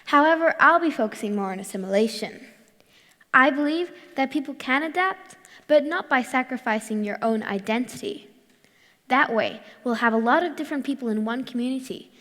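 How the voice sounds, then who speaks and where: A teenage girl from Morocco and Australia giving a clear, rehearsed talk on stage. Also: a little high, a little fast, fairly bright tone, long reverb tail. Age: teens. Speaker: youth speaker. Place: large hall.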